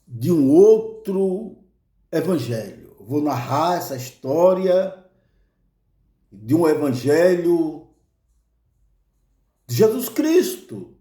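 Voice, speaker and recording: A Brazilian man with a Brazilian Portuguese accent tells a comic tale at an unhurried pace, chuckling along the way. His voice sits fairly high. The room gives it a noticeable echo. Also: sing-song, mellow. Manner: chuckles often, fills pauses with "né". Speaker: storyteller. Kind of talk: comic storytelling monologue.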